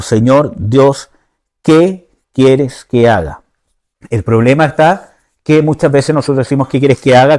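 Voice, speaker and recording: A man's voice: mid-range voice, darkish tone. A man giving an informal teaching sermon, often checking in with his listeners and searching aloud for words. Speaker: preacher.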